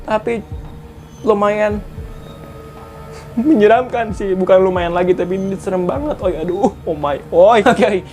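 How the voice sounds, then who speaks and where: A woman's voice: mid-range voice, measured pace, pauses often, darkish tone, soft background music. A woman reading short horror stories aloud and chatting about each one, full of exclamations and laughter. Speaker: horror story YouTuber.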